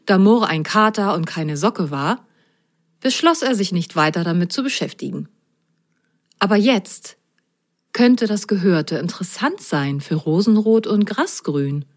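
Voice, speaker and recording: A woman narrating a children's story in a gentle, clearly spoken way. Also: mid-range voice, lively intonation, measured pace.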